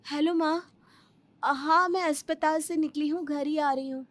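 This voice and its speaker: A woman voicing a sweet, spirited young woman in an animated story, talking brightly and expressively. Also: high-pitched, unhurried, pitched above the performer's own voice. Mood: chatty. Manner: bright, expressive, wails when in pain. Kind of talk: storybook cartoon voice acting.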